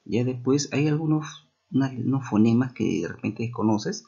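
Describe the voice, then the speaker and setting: A man's voice: lowish voice, gravelly, darkish tone, husky. A man teaching a recorded lesson, explaining patiently and often stopping to check that listeners follow along. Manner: explanatory, with frequent rhetorical checks. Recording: muffled lo-fi recording.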